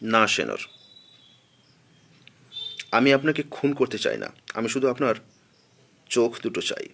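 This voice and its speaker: A man voicing a soft-spoken, oddly polite robber, low and hushed. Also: wildly swooping pitch, a little slow, creaky, heavily acted. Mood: menacing.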